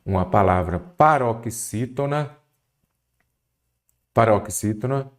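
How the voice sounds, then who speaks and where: A man's voice: fairly low pitch, animated, slow. A man teaching an exam-prep grammar lesson, explaining step by step and answering his own questions. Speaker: Portuguese teacher.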